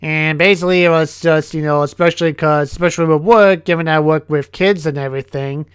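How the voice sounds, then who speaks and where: A young man telling a casual vlog story about his year, halting often and restarting his sentences. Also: a little high, steady tone, smooth, dry recording, clean studio sound. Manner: halting, with many restarts and fillers. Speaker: vlogger, English teacher.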